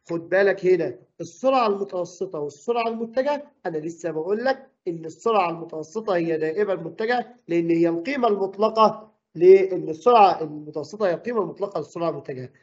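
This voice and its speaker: A man with an Egyptian Arabic accent teaching a physics lesson, quizzing the class with quick questions. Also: sits high, dull audio.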